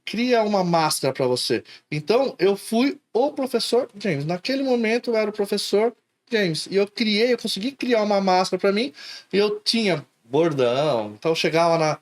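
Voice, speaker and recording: A man with a São Paulo Brazilian accent, a podcast guest telling lively stories and acting out his old catchphrases. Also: high-pitched, normal speed. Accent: Brazilian Portuguese, São Paulo. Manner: animated storyteller, acts out his own catchphrases. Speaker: podcast guest, logistics professional. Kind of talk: casual podcast chat.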